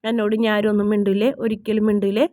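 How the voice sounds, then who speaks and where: A woman's voice: medium pitch, little pitch movement, quick pace, dark tone, dry recording, lightly acted. Woman reading a hurt, bewildered young wife, dry close sound. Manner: hurt questioning.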